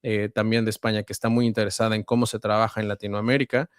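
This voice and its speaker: A man with a central Mexican accent, a voice-over artist and guest, explaining at a measured pace with frequent hesitations. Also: on the low side, little pitch movement, clean tone, dry recording, clean studio sound. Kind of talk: conversational interview answers.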